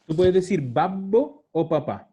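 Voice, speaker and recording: A man with a mellow, warm tone and a slightly higher pitch teaches a language class over a video call. He talks slowly and patiently, repeating words so his students can follow. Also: animated, husky. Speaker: Italian teacher. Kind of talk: online language lesson.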